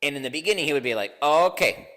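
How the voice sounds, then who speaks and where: A man's voice: mid-range voice, expressive, racing, sharp tone, big-room sound. Man in loose, swearing podcast banter. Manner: profane, laughing, rambling with restarts. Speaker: podcast co-host.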